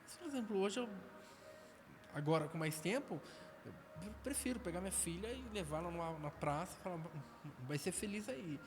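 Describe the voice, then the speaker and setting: A man's voice: high voice, expressive, a little fast, music in the background. A man with a Brazilian accent, a podcast guest telling stories from his life in a slangy, darkly humorous way. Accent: Brazilian Portuguese. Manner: storytelling, slangy, dark humor. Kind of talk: casual testimony and chat. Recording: noisy recording.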